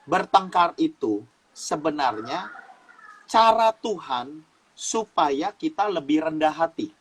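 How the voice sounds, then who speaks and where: A man's voice: on the high side, expressive, takes it slowly, breathy edge, low-quality recording. A man from Sumatra teaching in a casual talk show, explaining like a preacher, repeating phrases and laughing as he goes. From Sumatra, Indonesia. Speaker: guest youth speaker.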